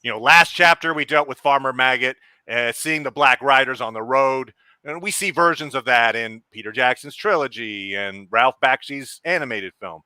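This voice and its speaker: A man's voice: medium pitch, moderate pace, bright, forceful tone, clear, resonant tone, dry recording. A man co-hosting a casual book discussion podcast, talking in a rambling, easygoing way. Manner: conversational, rambling, easygoing asides. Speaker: podcast co-host.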